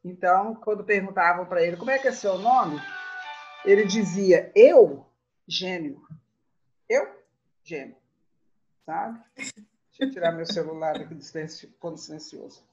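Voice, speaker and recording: A woman's voice: lowish voice, lively intonation, moderate pace, pauses often, darkish tone, faint music behind. A woman in her sixties telling family stories in an interview, laughing often as she reminisces. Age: 60s. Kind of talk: storytelling interview. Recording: muffled lo-fi sound.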